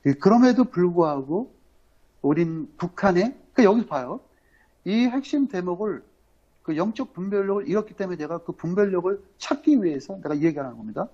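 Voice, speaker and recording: A man from Incheon hosting a political livestream, talking in a rambling, halting way full of fillers and emphatic rhetorical questions. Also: sits high, animated, warm tone, slightly rough. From Incheon, South Korea. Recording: dull lo-fi audio.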